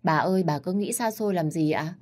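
A woman's voice: on the low side, lively intonation, a little fast, darkish tone. Woman voicing a cheeky boastful young woman. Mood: wheedling. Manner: playful, wheedling, boastful.

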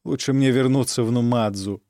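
A man voicing a sly, fawning peasant woman who speaks in a wheedling, drawn-out, falsely humble way in an audiobook. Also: mid-range voice, dark tone, no room sound, studio quality, lightly acted. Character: fawning, sly young peasant woman, nanny turned concubine.

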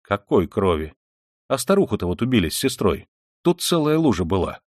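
A man reading the part of a brooding young former student in an audiobook, talking lazily and absently with quiet mockery. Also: lowish voice, sing-song, brisk, no room sound, clean studio sound. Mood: listless. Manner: lazy, absent, quietly mocking. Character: brooding young male ex-student, listless and detached.

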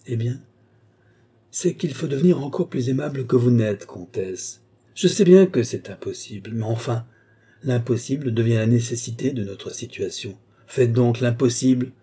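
Sly, flattering old duke read by a man, husky and mellow, audiobook. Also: medium pitch, lightly acted. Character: wily old courtier duke, smooth and flattering. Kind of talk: audiobook character voice.

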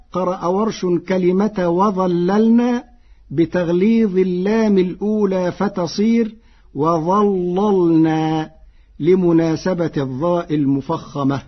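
A man with a fairly high, husky voice teaches the rules of Quran recitation at a slow, careful pace. He stretches out each example word as he explains it. The recording sounds dull and lo-fi. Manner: slow, careful, drawn-out delivery of example words.

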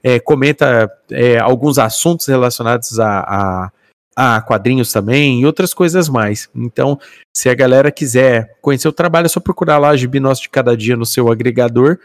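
A man's voice: mid-range voice, moderate pace, no echo, studio quality. A Brazilian man chatting casually as a podcast guest, talkative, often tagging on little questions. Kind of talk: casual chat.

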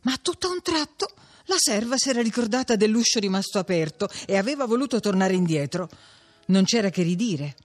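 A woman narrating a classic novel in a measured, expressive storytelling voice. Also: medium pitch. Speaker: audiobook narrator.

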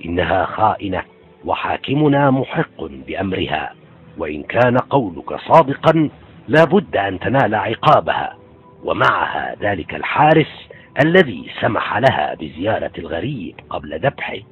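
A man reading a novel aloud, voicing an angry male laborer who loudly accuses and demands punishment. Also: rumbling low, sing-song, fairly quick, few pauses. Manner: shouting, accusing. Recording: tinny phone-like sound, faint music.

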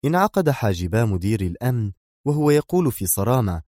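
A man reading a spy novel aloud as narrator, in a steady, measured delivery. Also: medium pitch, no echo, clean studio sound. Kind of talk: scripted audiobook narration.

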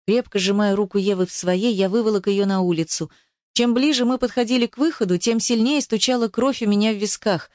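A woman reading a first-person audiobook in a steady, expressive storytelling manner. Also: medium pitch, fairly quick, no room sound, studio quality. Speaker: audiobook reader.

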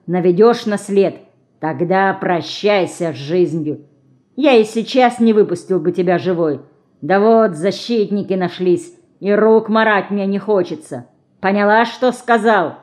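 A woman voicing a gruff, threatening grown outlaw man in an audiobook. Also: mid-range voice, unhurried, darkish tone, close to an everyday voice. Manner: rough, threatening.

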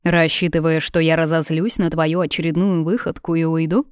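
A woman's voice: low-pitched, steady tone, normal speed, clear, resonant tone, no echo, clean studio sound, close to an everyday voice. A woman reading the part of a restrained young man who speaks through clenched teeth, in an audiobook. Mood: wry.

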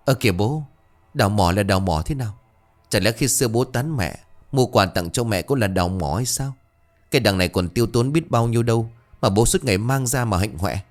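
A man's voice: on the low side, animated, brisk, soft background music, close to an everyday voice. A man voicing a brash grown son who talks back defiantly and dismissively.

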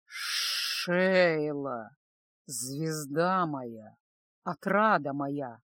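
A woman reading an audiobook plays a domineering serpent-bodied lord, male and possessive. He speaks slowly in a low, hushed murmur that drops well below her usual register. The recording is close and dry, with no room around it. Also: lively intonation, no echo, heavily acted. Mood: possessive, tender. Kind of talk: audiobook character voice.

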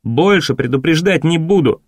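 A man voicing a rough, threatening young male soldier in an audiobook, with coarse, commanding speech. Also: fairly high pitch, expressive, normal speed, dry recording, clean studio sound. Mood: gruff. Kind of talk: audiobook reading.

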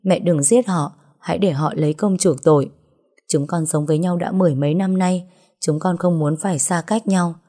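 A woman's voice: lowish voice, steady tone, normal speed, warm tone, natural voice. Tearful young woman, read by a woman, pleading through tears. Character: tearful young woman begging for her sisters.

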